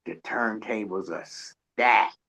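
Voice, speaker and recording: A radio co-host with a fairly low, bright and forceful voice speaks slowly, telling rambling, folksy anecdotes in a casual conversational interview. The recording sounds dull and lo-fi.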